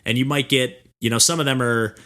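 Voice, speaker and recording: A man's voice: medium pitch, steady tone, fairly quick, pushed and bright. A man hosting a casual podcast, talking in a rambling way full of "like" and "you know". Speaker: podcast host. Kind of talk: casual chat about video games.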